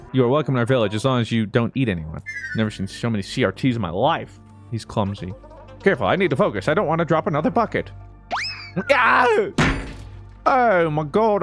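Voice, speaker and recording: Young male gaming host, casual and jokey, lively voice, quiet music underneath. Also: mid-range voice. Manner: excitable, jokey, frequent yelps and exclamations. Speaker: gaming YouTuber. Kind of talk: casual Let's Play commentary.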